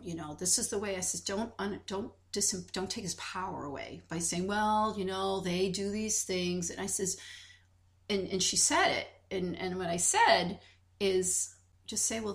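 A woman co-hosts a podcast and speaks earnestly in relaxed conversation. She talks at a mid pitch and restarts her sentences often as she tells her story. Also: moderate pace. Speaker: podcast co-host.

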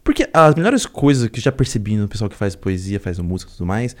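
Slangy São podcast host, man, animated rising and falling delivery. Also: lowish voice, fast talker. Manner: relaxed, slangy, joking. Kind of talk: casual podcast chat.

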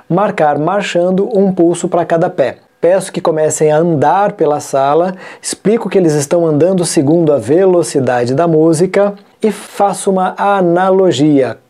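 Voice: mid-range voice, mellow. A music teacher with a Brazilian Portuguese accent, explaining a classroom method step by step and often rephrasing terms mid-sentence.

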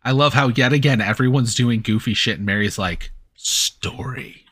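A man's voice: medium pitch, brisk, fairly bright tone, no room sound, clean studio sound. A man speaking casually as game master, narrating a tabletop game and calling for dice checks.

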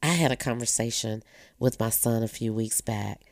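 A woman in her fifties with a very deep, gravelly voice speaks in a candid, personal monologue. She is talkative and earnest, and the recording is dry and close. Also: moderate pace, no room sound. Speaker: blogger sharing personal reflections.

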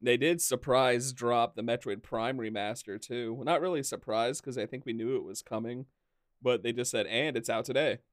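A man's voice: mid-range voice, moderate pace, no echo, clean studio sound. A man co-hosting a casual gaming podcast, eagerly explaining game features at length. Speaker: podcast co-host. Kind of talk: casual chat.

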